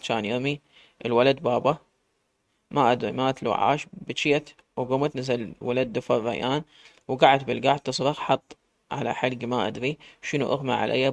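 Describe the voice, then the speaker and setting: A frightened teenage girl, as a man reads her in his own gravelly voice with an Iraqi Arabic accent, begging fast. The sound is dry and close. Heard in a told story. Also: medium pitch, no room sound, natural voice. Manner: desperate pleading, sobbing words. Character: terrified teenage girl captive, pleading.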